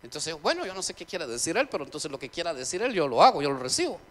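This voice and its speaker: A man preaching a sermon testimony in a church, telling his story dramatically, swinging between loud preaching and quiet narration. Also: a little high, very animated, fast. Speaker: pastor. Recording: church hall reverb, faint noise.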